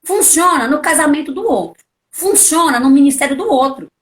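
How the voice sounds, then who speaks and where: Lively middle-aged woman preacher. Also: moderate pace. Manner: emphatic, full of rhetorical questions and sudden high-pitched stresses. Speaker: preacher, guest. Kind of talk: conversational testimony and teaching.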